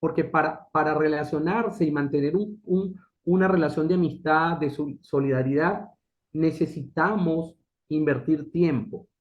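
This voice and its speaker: A man's voice: fairly high pitch, fairly even intonation, a little slow. A middle-aged man giving an earnest motivational talk as a business consultant, asking rhetorical questions and repeating key phrases. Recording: dull lo-fi recording.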